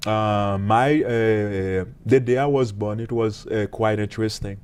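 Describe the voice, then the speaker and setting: Low-voiced man. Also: fairly even intonation, darkish tone, clean tone. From Haiti. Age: late 30s. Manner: earnest, halting, frequent uh fillers. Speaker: pastor and police officer. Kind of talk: interview guest storytelling.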